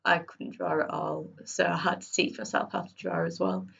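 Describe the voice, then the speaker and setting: Low-voiced woman with a Bradford accent. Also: flat delivery, moderate pace, gravelly, a bit bright, slightly rough, muffled recording. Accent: Bradford, West Yorkshire. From Bradford, northern England. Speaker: podcast guest, illustrator. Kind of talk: casual conversational interview.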